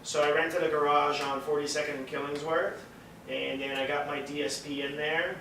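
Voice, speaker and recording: On an echoey, distant mic with slight background noise, a man with a fairly high pitch talks at a moderate pace in a flat, sharp-toned delivery. A French-speaking native of Montreal, Quebec, Canada, he's a distillery founder appearing as a guest on a casual podcast, rambling through stories with frequent fillers and swearing.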